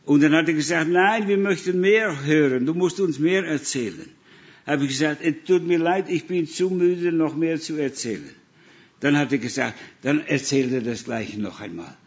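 A man's voice: on the high side, normal speed, highs cut off. Dutch man preaching with anecdotes. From Netherlands. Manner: storytelling, acts out dialogue. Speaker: missionary preacher. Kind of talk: sermon with anecdotes.

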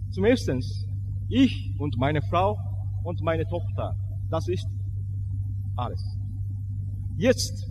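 A middle-aged man from Japan with a Japanese accent speaks slowly and hesitantly to a church congregation, searching for his words and filling the gaps with hums. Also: fairly high pitch, sing-song, music in the background. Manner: slow, hesitant, searching for words with many fillers. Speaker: guest speaker at a church service. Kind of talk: halting speech to a congregation. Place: church hall. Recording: long hall reverb, faint hum.

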